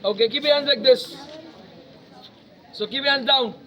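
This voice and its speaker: Outdoors at a school, a young man with an Indian English accent teaches a self-defense class to a large group of students, calling out loud commands and switching into Telugu. His voice is very high-pitched at normal speed. With no microphone, a distant camera captures dull lo-fi sound and crowd noise.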